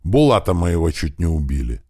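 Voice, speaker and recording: A man's voice: deep voice, sing-song, a little fast, darkish tone, no room sound, clean studio sound. A man voicing a hard, ruthless male squad leader who gives curt orders and cold threats. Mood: menacing.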